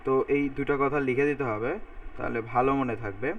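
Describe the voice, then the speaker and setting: A man's voice: mid-range voice, steady tone, fast, dull audio. A man teaches a chemistry lesson, writing as he talks and saying word endings over so they stick. His voice sits in the middle of the usual range. He is a little way off from the mic. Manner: talks while writing on a board, thinking aloud, repeating sounds to drill pronunciation. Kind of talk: recorded lecture explaining formulas. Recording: voice a bit far from the mic.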